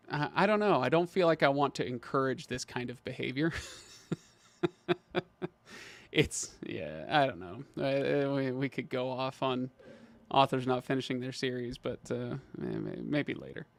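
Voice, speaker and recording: A man with a gravelly, mid-pitched voice chats casually on a livestream, stumbling over restarts before landing his points. The sound is close and dry, with no room in it. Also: dry recording. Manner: hesitant, many restarts, reads out viewer comments. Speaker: livestream host.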